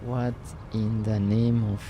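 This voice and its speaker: A man with a fairly low voice speaks slowly and flatly, live-streaming a city-building game in English, which is not his first language. He thinks aloud, lets out puzzled exclamations and greets viewers in chat. The sound is lo-fi, with a noisy background.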